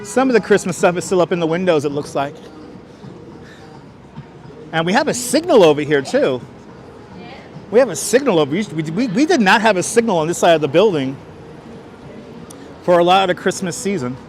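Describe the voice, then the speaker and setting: A livestream host strolls a city street, speaking in a high, sing-song voice at normal speed with many pauses, faint music behind him. Through his clip-on wireless mic he keeps things casual, reading out the chat, chatting with viewers, and chuckling often.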